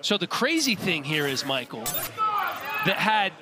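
A man calling a live slap fight as play-by-play commentator, explaining each call in a measured way. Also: a little high, sing-song, heavy background noise. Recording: broadcast mic with loud crowd behind.

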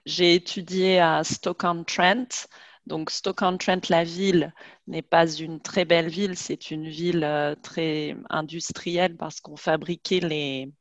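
A woman's voice: on the low side, fairly even intonation, takes it slowly, dry recording, highs cut off. A woman in her forties hosting a casual video call interview on a headset, chatty and laughing often. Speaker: host and French teacher. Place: home room, video call.

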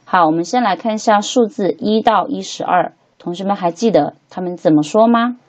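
With a mid-range voice, a woman teaches beginner English from a textbook, patiently saying each word slowly three times as she moves through the lesson.

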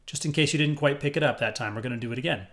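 A man teaching a music lesson, upbeat and clear, counting rhythm syllables aloud in a steady pulse. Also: mid-range voice, racing. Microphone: headphones on, desk recording.

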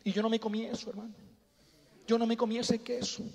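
A comedian preaches a humorous sermon in a church sanctuary, telling jokey stories and calling the congregation his brothers. His voice is very high and darkish, level in tone, slightly fast, with vocal fry. Long church hall reverb fills the recording.

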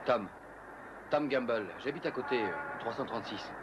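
A man's voice: medium pitch, normal speed, very noisy, natural voice. An actor dubbing a polite, hesitant man, new to the neighborhood, who fumbles through his words. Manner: hesitant, polite, many fillers.

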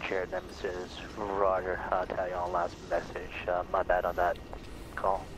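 A man talking as a pilot on military sim radio, pausing often as he phrases his messages. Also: low-pitched, completely flat delivery. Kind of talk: radio talk in a military simulation game. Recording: noisy game radio chat.

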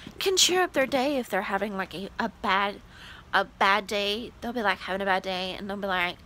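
A woman's voice: mid-range voice, fairly quick, bright, forceful tone, a little hiss or hum, low-quality recording. A woman in her late twenties chatting casually to her vlog viewers, gushing and full of "like" fillers. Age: 20s. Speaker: vlogger. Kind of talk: casual vlog chat to camera.

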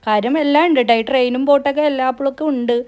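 Fast-talking Kerala woman vlogger mixing in English. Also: high-pitched, steady tone, a little mellow. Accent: Kerala Malayalam. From Kerala, India. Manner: chatty, mixes English words into Malayalam. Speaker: travel vlogger. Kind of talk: casual vlog narration.

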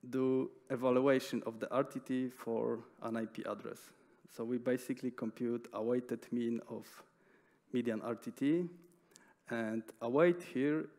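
A young man giving a technical conference talk on a stage, speaking in a measured way with frequent pauses and fillers. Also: mid-range voice, a little mellow. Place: conference stage in a large hall. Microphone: headset mic.

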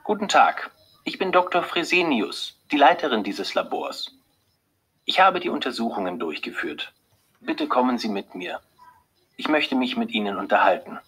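A man reading an audiobook, voicing a composed, earnest female lab doctor who delivers hard news calmly and hesitantly, with a husky voice. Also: medium pitch, moderate pace, voice pushed up, full character voice, poor audio. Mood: serious. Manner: calm, earnest, hesitant when giving bad news. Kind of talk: audiobook character voice.

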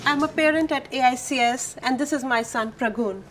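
A middle-aged woman, a parent, presenting a school in a polite, measured way. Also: high-pitched, music in the background. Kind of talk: school tour vlog. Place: school corridor indoors.

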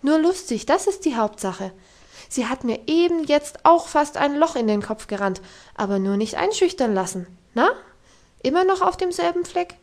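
A woman's voice: on the high side, expressive, takes it slowly, hardly any pauses. A woman voicing a cheerful, kindly male servant in an audiobook, jolly and reassuring. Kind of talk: audiobook reading.

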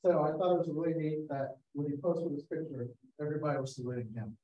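This guest speaker, a photographer, narrates a slideshow on a video call, telling stories and acting out quotes. His voice sits on the high side with a steady tone, and he talks fast. The recording sounds muffled, roomy, and distant because he is away from the mic.

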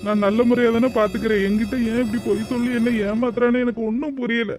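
Brief: a wronged young husband in a cartoon, high-pitched and rapid, complaining. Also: male voice, level tone, a little mellow, soft background music. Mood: aggrieved. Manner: complaining, aggrieved, rhetorical questions. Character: exasperated young husband, wronged and self-pitying.

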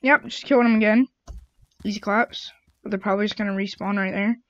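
Gamer woman, mid pitch, chatty and exasperated play-by-play, muffled lo-fi mic. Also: fairly even intonation, brisk, dry recording. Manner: chatty, exasperated running commentary. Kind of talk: gameplay commentary. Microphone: own desk mic. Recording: dull lo-fi home mic.

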